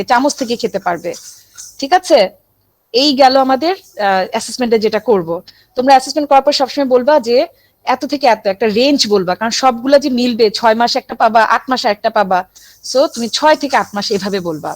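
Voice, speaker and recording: A middle-aged woman lectures a class of medical students. Her voice sits a little high, and she explains step by step, often stopping to check that her students follow. The sound is close and dry, with no room echo. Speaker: medical teacher.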